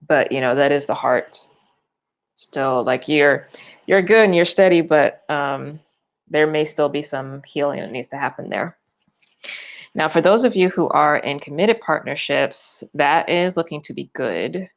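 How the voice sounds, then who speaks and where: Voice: mid-range voice, measured pace, gravelly. A tarot reader giving a loose, chatty forecast, full of fillers and restarts and yawning often.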